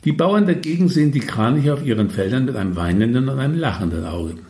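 A man's voice: medium pitch, expressive, fast talker, a little mellow, roomy sound. A man reading his own humorous story with wry, tongue-in-cheek asides.

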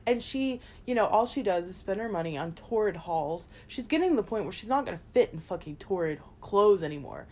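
A woman's voice: mid-range voice, expressive, brisk, hardly any pauses, darkish tone. A woman in her twenties co-hosting a podcast, chatting bluntly and swearing freely. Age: 20s. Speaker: podcast co-host. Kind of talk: casual chat. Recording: faint background noise.

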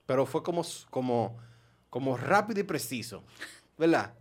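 A man's voice: medium pitch, very animated, moderate pace, darkish tone. A man hosting a casual chat, telling funny stories with lots of laughter and acted-out voices. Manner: storytelling, laughs often, acts out voices. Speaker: podcast host.

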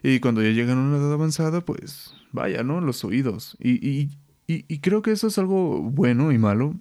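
A man's voice: mid-range voice, lively intonation, moderate pace, dark tone. A young man with a Mexican accent hosting a podcast, telling stories in a slangy, joking rant. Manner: slangy, joking, laughs often. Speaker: podcast host. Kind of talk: casual storytelling rant.

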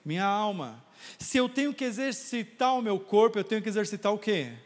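A man's voice: sits high, animated, fairly quick. A man preaching a sermon as pastor, calling on the congregation to raise their hands and answer back. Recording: long reverb of a church hall.

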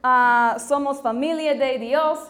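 A woman's voice: sits high, slow pace, fairly bright tone. A woman preaches in imperfect, as a visiting missionary, hesitating and repeating phrases as she searches for words. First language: English. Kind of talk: halting church sermon in imperfect Spanish. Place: village church before a congregation. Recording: live church crowd, background noise.

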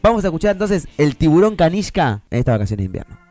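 Rioplatense guy on the radio, chatty and excited, kinda high voice, music going behind him. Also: fast talker. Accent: Rioplatense Spanish. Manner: chatty, enthusiastic, many fillers and restarts. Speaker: radio host. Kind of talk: casual radio chat about children's music.

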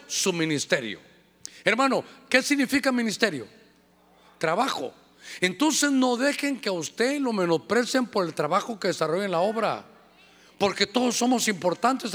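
A male pastor preaching a sermon, animated and calling his listeners brother. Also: high voice, big-room sound.

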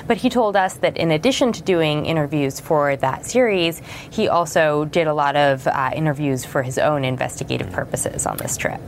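A woman reporter explaining her reporting in a news interview, measured and explanatory with occasional fillers. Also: sits low, slight background noise. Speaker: newspaper reporter as guest.

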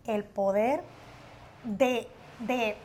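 High-voiced, animated woman. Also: drawn-out words. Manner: animated, expressive storyteller. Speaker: podcast guest, comedian. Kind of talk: casual chat. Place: her home.

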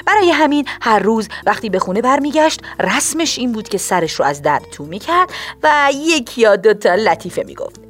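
A woman narrating a children's audiobook in an expressive, playful way. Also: mid-range voice.

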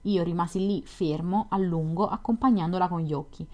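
Low-voiced woman reading a novel. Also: moderate pace, darkish tone, highs cut off. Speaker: reader of a novel. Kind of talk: audiobook reading.

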